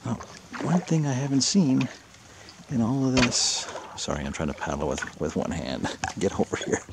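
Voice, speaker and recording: In a mid-range voice at normal speed, a vlogger kayaks by a rocky lakeshore looking for a lake monster. He talks to the camera in excited, casual first-person narration, often falling to a whisper as he paddles. Water and paddling sounds are audible on the outdoor camera audio.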